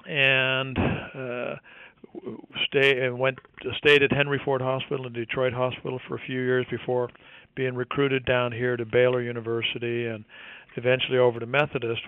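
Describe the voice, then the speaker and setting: A man's voice: medium pitch, clear, resonant tone, no echo. Urologist man, tinny phone-like sound. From Ireland. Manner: relaxed, halting with fillers and restarts. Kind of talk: interview answers.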